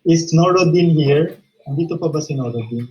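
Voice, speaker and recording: A man with a Filipino accent, facilitating an online class over a video call, brisk and mixing English with Tagalog. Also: on the high side, dark tone. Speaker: course facilitator. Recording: dull lo-fi video call audio.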